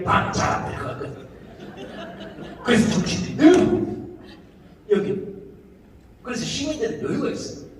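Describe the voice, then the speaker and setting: A man performing a comedic talk to a live audience, animated and jokey, slipping into quick impressions of how people talk. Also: high voice. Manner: animated, jokey, mimics regional speech in quick asides. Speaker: comedian giving a talk concert. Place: large hall with a live audience. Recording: echoey hall audio with noise, from far off.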